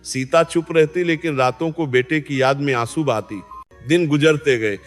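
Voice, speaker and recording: A man's voice: on the high side, normal speed. A man narrating a dramatic moral story in an earnest tone. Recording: long reverb, faint music behind.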